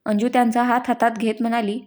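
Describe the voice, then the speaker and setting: A woman's voice: a little high, little pitch movement, quick pace, darkish tone. Woman reading a story aloud. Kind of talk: scripted story narration.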